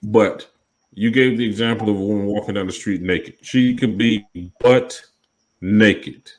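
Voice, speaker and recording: A man in a casual podcast discussion. He speaks emphatically and makes his points by circling back with the same checks on his listener. His voice sits a little on the low side. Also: fairly even intonation, a little slow, low-quality recording. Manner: emphatic, repeats "you know what I mean". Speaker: podcast co-host.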